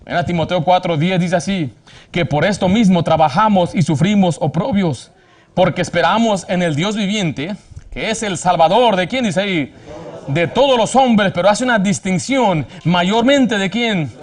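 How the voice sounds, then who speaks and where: A man's voice: sits high, normal speed. A man preaching a sermon fervently, asking rhetorical questions and often restarting his phrases. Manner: frequent restarts and self-corrections.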